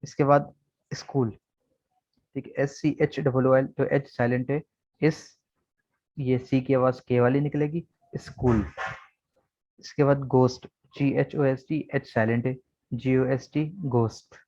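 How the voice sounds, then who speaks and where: A man's voice: mid-range voice, level tone, measured pace, a little mellow. Man, patient online English teacher spelling words aloud, slightly dull call audio. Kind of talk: online lesson. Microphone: video call.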